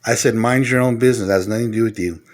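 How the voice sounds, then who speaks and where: A middle-aged man talking casually to the camera, giving earnest advice point by point and growing loud and heated as he retells arguments. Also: mid-range voice, racing. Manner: earnest, lecturing, numbers his points. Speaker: vlogger giving life advice.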